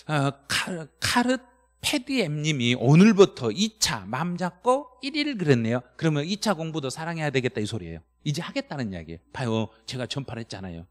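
A middle-aged man teaching a live-stream exam lecture, excited and quizzing his viewers. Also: fairly quick, long reverb tail. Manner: animated, jumps to high excited pitch on key words, quizzes the chat. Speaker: real estate tax law instructor.

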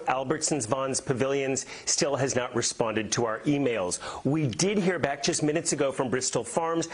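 A middle-aged man reporting live for TV news from a room at home, with a measured, emphatic delivery. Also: medium pitch. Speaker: investigative reporter.

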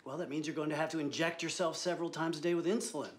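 An actor plays a matter-of-fact doctor who delivers news in a dry, deadpan way. His voice sits a little high. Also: very fast, a little hiss or hum, natural voice.

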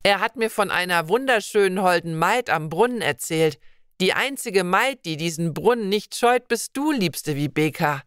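A wise old woman of the forest speaks slowly and kindly, as a female narrator puts her on. Her storybook voice is low and gentle, with old-fashioned phrasing, recorded dry and close. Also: animated, clean tone, dry recording. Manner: slow, gentle, archaic speech.

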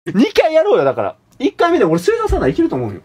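A man's voice: very high voice, wildly swooping pitch, very fast, darkish tone, a little hiss or hum. A young man with an Osaka Kansai accent, co-hosting a radio show in casual, playful, teasing chat and reading out listener letters. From Osaka, Japan. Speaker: radio co-host.

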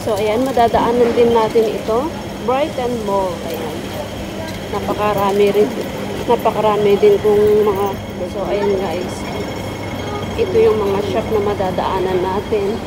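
A woman's voice: medium pitch, fairly even intonation, measured pace. A woman vlogger narrating a casual walking tour through a city street market, chatting to her viewers as she goes. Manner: chatty, keeps addressing viewers as guys. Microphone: handheld phone camera while walking. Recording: loud street traffic noise. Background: traffic and city street sounds.

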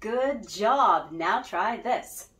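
A woman's voice: mid-range voice, animated, very slow, fairly bright tone, slight background noise. A woman music teacher leading a children's lesson, cheerful and guiding with call-and-response. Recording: roomy echo.

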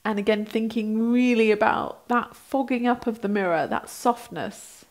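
A woman in her thirties working as a breathwork instructor, gently guiding a practice in an unhurried way with pauses between instructions. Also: a little high, steady tone. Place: small bright indoor room, seated on a mat.

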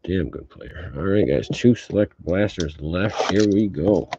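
A man's voice: low-pitched, animated, measured pace. A man talking through a face mask, giving laid-back, casual running commentary as he hosts a sports card break and swears offhandedly. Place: indoor tabletop card-opening setup. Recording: dull, muffled audio with background noise.

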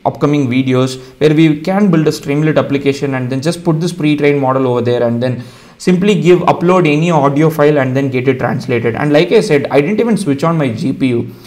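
A man with an Indian accent hosting a casual coding tutorial, explaining each step in a relaxed way with frequent ums and uhs. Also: fairly high pitch, a little fast. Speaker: tutorial host.

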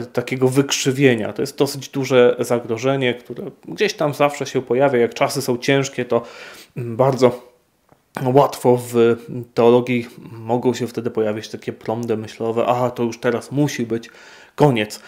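A man, a priest, answering viewer questions in an unscripted Q&A, speaking in a measured way with frequent hesitations. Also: medium pitch, little pitch movement, a little mellow.

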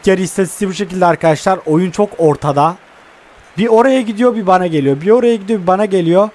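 A young man giving excitable live commentary while playing a mobile football game, groaning and cursing at it. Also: sits high, fast talker, slight background noise.

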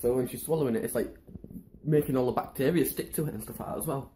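A man's voice: medium pitch, fast talker, reverberant, background noise. A man casually vlogging in his home kitchen, rambling and chatty, filmed on a tripod camera. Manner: rambling, chatty and self-mocking. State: slightly out of breath. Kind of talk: casual how-to vlog.

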